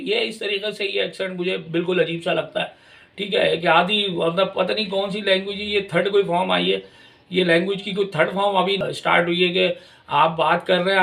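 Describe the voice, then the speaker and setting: A man's voice: high-pitched, gravelly, a bit bright. A man hosting a channel, giving a rambling, repetitive, opinionated commentary on a television drama. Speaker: drama reviewer, channel host. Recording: voice a little far from the mic.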